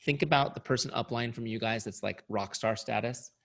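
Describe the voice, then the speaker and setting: Running a sales training session, this middle-aged founder and trainer coaches with upbeat energy and keeps tossing in "right?" His voice is starting to go; it's mid-range, a little fast, with vocal fry.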